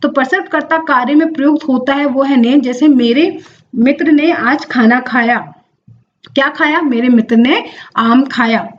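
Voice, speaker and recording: A woman's voice: high voice, normal speed, dull audio. A young woman teaching an exam-prep lesson, explaining step by step, drawing out words and answering her own questions. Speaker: Hindi exam tutor.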